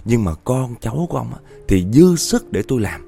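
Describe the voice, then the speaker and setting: A man's voice: medium pitch, sing-song, fairly quick, creaky, mellow, faint music behind. A man playing a sinister threatening man. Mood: menacing. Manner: mocking, threatening.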